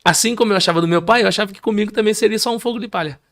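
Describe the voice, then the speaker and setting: Gravelly high-voiced Brazilian man testifying. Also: racing. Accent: Brazilian Portuguese. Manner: animated storyteller, acts out his mother's high crying voice. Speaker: guest preacher. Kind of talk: testimony in casual conversation.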